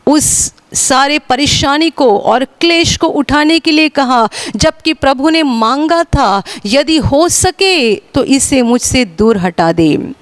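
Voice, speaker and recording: A woman from India preaching a sermon in an earnest, repeating way, lifting her voice for emphasis. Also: dry recording. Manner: earnest, repetitive, rises in pitch for emphasis. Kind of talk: Hindi sermon.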